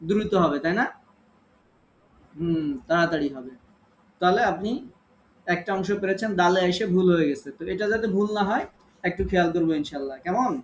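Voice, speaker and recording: A man's voice: sits high, brisk, long pauses, a little hiss or hum. A man teaching Quran recitation in an online class, with a Bangladeshi Bengali accent, calling on students one by one and patiently correcting their reading.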